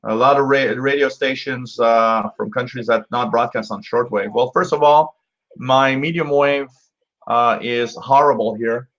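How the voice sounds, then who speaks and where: A man hosting a casual live stream as a radio hobbyist, explaining things haltingly and answering viewers. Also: mid-range voice, steady tone, a bit bright. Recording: slightly dull, lo-fi stream audio.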